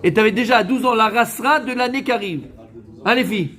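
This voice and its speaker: French rabbi, high male voice, chatty joking sermon, addresses the crowd directly. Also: fairly quick. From France. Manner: joking, conversational, talks straight to listeners; mixes in Hebrew religious words. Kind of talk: lively sermon to a live audience.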